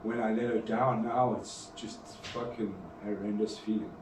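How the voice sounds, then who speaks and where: A man making a halting, emotional confession, repeating words and swearing. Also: on the low side, flat delivery. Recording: echoey room from far off, noisy.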